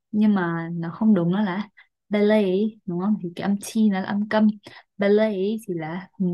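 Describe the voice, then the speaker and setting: A woman's voice: medium pitch, highs cut off. Young woman, Vietnamese accent, vocabulary tutor, chatty explainer who keeps checking in. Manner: checks in often with rhetorical tag questions. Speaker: English vocabulary teacher.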